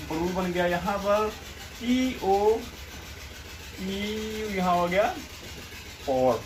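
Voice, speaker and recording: A man teaching English pronunciation in a slow, repetitive style, explaining word by word. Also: high-pitched, a little hiss or hum, rough recording. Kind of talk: classroom-style explanation over a board.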